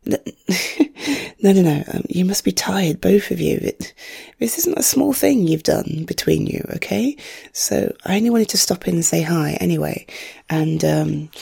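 A woman talks in soft, hushed whispers, calm and reassuring. Her voice is very breathy with a gravelly edge and sits slightly low. She speaks slowly, drawing out each phrase. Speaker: ASMR creator. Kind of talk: ASMR roleplay as a visiting friend.

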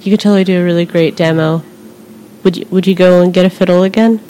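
A woman's voice: on the low side, steady tone, fast, mellow, low-quality recording. A woman hosting a casual chat, playful and enthusiastic, laughing easily. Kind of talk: casual conversation.

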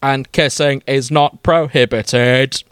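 A man's voice: mid-range voice, slow pace, smooth, no echo, studio quality. A man voicing a formal, robotic male Dalek in a comedic fan-fiction reading. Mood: deadpan. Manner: flat, formal, clinical phrasing.

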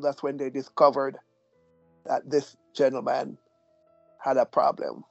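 A man from Jamaica with an announcer-like voice, telling his life story as a guest in a measured, gently humorous way. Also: on the high side, creaky, dry recording. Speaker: guest, deacon. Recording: dull, dry audio.

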